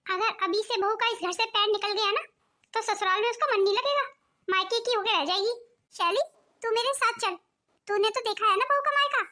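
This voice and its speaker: A woman's voice: very high voice, brisk, sharp tone. A woman voicing a strict, controlling middle-aged mother-in-law in a cartoon, bossy and lecturing. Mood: scolding. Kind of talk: cartoon voice acting.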